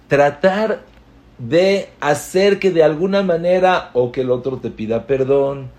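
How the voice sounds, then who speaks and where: Slow, emphatic man giving a religious talk. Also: mid-range voice, a little mellow. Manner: emphatic, repeats words for stress; sprinkles Hebrew terms into his speech. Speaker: Torah teacher. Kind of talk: religious talk to a live audience.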